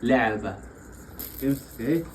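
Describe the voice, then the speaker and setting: A man's voice: medium pitch, animated, unhurried, very noisy. A young father with an Egyptian accent playfully coaxing his small children in a family vlog, laughing often. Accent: Egyptian Arabic. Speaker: father and vlogger.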